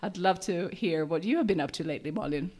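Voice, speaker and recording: A woman co-hosting a podcast, with a raspy voice from a sore throat, chatting in a friendly way. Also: lowish voice, fast talker, darkish tone. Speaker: podcast co-host. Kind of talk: casual podcast chat.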